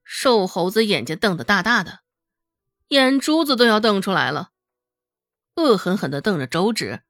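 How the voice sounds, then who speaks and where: A woman narrating a serialized novel in an expressive, dramatic storytelling manner. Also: mid-range voice, normal speed, no room sound, clean studio sound. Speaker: audiobook narrator.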